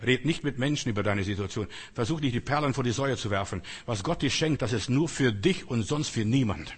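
A man's voice: medium pitch, fairly quick, breathy edge. An older man preaching a sermon, earnest and emphatic with rising outbursts. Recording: long reverb in a hall.

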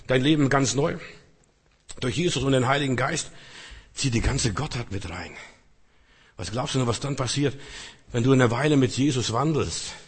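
A man's voice: mid-range voice, breathy edge. A man preaching a sermon in church, speaking straight to the congregation with rhetorical questions. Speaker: pastor.

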